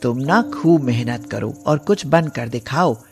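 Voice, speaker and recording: A woman voicing a kindly old village woman who gives firm, encouraging advice in an animated moral story. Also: rumbling low, slightly rough, faint music behind, voice pushed down, full character voice. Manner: slow, encouraging, emphatic.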